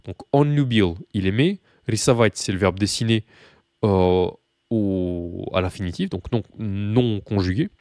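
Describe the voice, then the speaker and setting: A man's voice: on the low side, measured pace, darkish tone, no room sound, clean studio sound. A man teaching Russian to beginners in a casual video lesson, chatty with many fillers and asides, talking straight to the learners.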